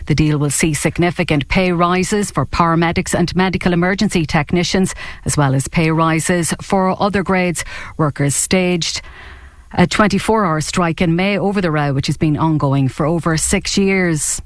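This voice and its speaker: A woman's voice: lowish voice, no room sound. An Irish woman reading a scripted radio news bulletin as a newsreader.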